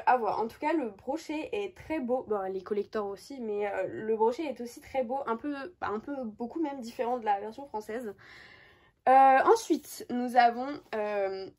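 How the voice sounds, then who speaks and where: Chatty young French-speaking woman, slightly high. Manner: chatty, many hesitations and restarts. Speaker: book YouTuber. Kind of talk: casual book haul chat.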